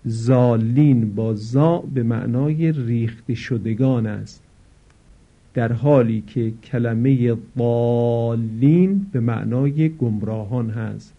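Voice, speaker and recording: A man giving an instructional talk on reciting prayers correctly, explaining patiently and slowing down to stress the example words. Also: medium pitch. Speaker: religious teacher. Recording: slightly dull lo-fi recording.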